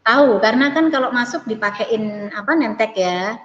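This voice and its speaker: A woman giving an earnest, animated personal testimony in an interview, often restarting her sentences. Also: on the high side, moderate pace. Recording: dull lo-fi sound with long reverb and faint noise.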